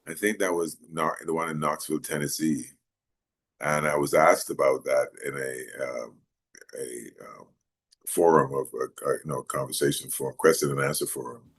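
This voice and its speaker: A middle-aged man from Jamaica, raised in Maryland, chatting in an interview in a relaxed, rambling way with many fillers. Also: rumbling low, moderate pace, husky. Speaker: actor guest. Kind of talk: casual interview chat.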